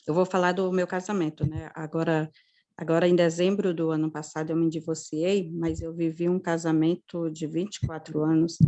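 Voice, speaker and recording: A woman's voice: fairly low pitch, warm tone. A woman with a Brazilian Portuguese accent speaking up in an online group, telling her story hesitantly with many fillers over a video call. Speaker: group participant. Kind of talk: personal sharing.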